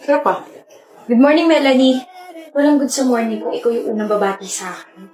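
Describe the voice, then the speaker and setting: High-voiced woman bickering in an echoey room. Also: a little fast, darkish tone, a little hiss or hum. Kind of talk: acted comedy skit dialogue.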